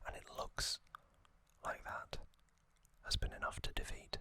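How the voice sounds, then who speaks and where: A man whispers as an ASMR host, softly telling a story. His delivery is unhurried and halting, broken into short phrases.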